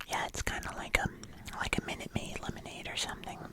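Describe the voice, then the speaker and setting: The voice is a soft, fully whispered ASMR delivery, airy and unvoiced throughout. The host talks casually and a little hesitantly, as if chatting through a tasting video. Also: quick pace. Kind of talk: whispered ASMR taste-test vlog.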